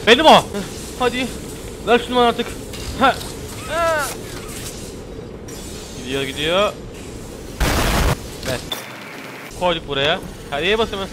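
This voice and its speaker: High-voiced gamer guy yelling his way through a scary game, voice jumping all over, throat sore, loud game music behind. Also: background noise. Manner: excitable, yelling while running from danger. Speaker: gaming channel host. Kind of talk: let's play commentary.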